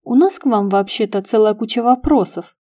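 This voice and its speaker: A nosy young man who keeps needling his friends with cheerful questions, as a woman reader puts him on. The voice stays mellow and soft-edged, lifted slightly in pitch. It sounds like a storybook audiobook character. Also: moderate pace, no room sound, studio quality, close to an everyday voice.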